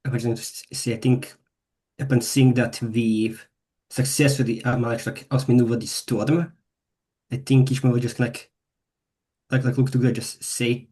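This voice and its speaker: A man talking casually as a player in a tabletop role-playing game, in a halting way. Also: medium pitch, flat delivery, warm tone, breathy edge.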